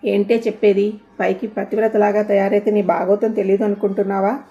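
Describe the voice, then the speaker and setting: A woman's voice: mid-range voice, fairly even intonation, fairly quick, dull audio, close to an everyday voice. A woman voicing a furious, jealous married woman who hurls harsh accusations. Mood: angry, accusing. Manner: harsh, shouting insults.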